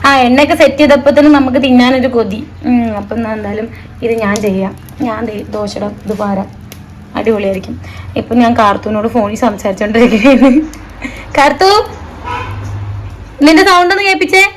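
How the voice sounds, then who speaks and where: Chatty fast-talking young woman vlogger. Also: a little high, steady tone. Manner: chatty, rambling, laughs often. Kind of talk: casual vlog chat. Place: home kitchen. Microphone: phone camera. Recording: noisy home phone recording.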